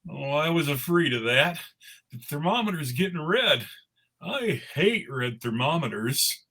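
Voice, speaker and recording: A man voicing a cheerful, naive snowman who has come to life, with a raspy voice and innocent, exclaiming delivery, in a live cartoon script reading. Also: on the high side, expressive, measured pace, pushed and bright, exaggerated voice. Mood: worried. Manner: wide-eyed, exclaiming, innocent.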